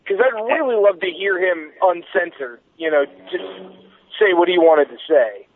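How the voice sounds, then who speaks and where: A man's voice: high voice, slight background noise. A man calling a radio show by phone while driving, asking his question in a hurry. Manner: hurried, asks quickly between stops. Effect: phone call from a moving car. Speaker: caller. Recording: tinny phone line, dry.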